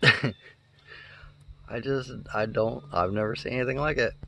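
A middle-aged homesteader vlogger films himself with a phone camera held close in his backyard garden, casually thinking aloud and sounding amazed. His medium-pitched voice is creaky and slow, with background noise.

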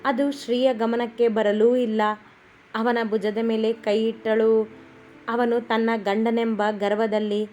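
A woman narrating a romantic story in a steady, unhurried storybook reading. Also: fairly high pitch, faint music behind.

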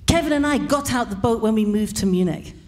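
A woman preaching a lively, humorous sermon in church, pausing for an interpreter. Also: on the high side. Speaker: pastor.

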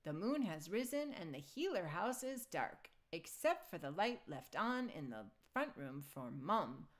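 A woman reads a children's picture book aloud with expressive storytelling, her voice fairly low and her pace measured.

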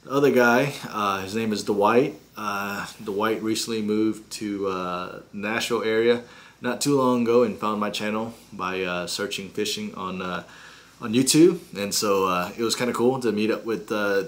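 A man in his forties hosting a fishing vlog, with a relaxed, casual way of talking full of "uh" fillers. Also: fairly low pitch, moderate pace. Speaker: fishing vlogger. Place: small indoor studio with shelves of tackle.

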